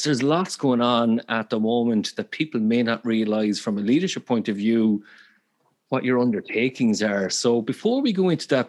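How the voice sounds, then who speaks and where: Irish man hosting, mid-pitched voice. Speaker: podcast host. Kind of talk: conversational interview hosting.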